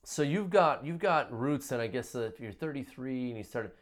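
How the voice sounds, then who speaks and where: A man's voice: mid-range voice, expressive, normal speed. Casual man with a Wisconsin accent. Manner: informal, swearing. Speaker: podcast host. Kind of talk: casual podcast interview. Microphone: online video call.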